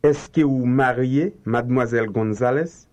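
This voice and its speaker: Here a man of medium pitch and a somewhat mellow tone speaks at an ordinary speed. He carefully repeats phrasebook lines for a language course in a lilting, slow scripted drill, recorded on muffled lo-fi tape.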